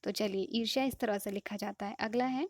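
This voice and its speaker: A woman teaching an exam-prep lesson in a patient way, often pausing to check that students follow. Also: medium pitch, steady tone, dry recording, studio quality. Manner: patient, repeats "ठीक है" to check understanding. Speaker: Hindi teacher.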